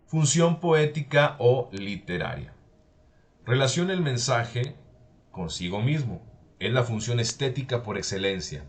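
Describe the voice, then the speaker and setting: A male teacher lecturing a class, explaining step by step and often checking in with a quick "¿sí?". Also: lowish voice.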